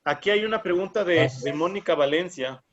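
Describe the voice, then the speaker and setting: A man's voice: high-pitched, expressive, a little fast, fairly bright tone. Polite man moderating an online workshop. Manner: polite, organizing. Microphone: video call. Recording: muffled lo-fi video call audio.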